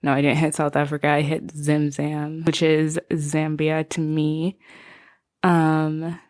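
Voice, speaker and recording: A woman's voice: low-pitched, completely flat delivery, slow, darkish tone, no echo, clean studio sound. Chatty rambling American-accented young woman. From Zimbabwe. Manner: rambling and chatty, giggly, many "like"s. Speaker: podcast host. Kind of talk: casual solo podcast chat.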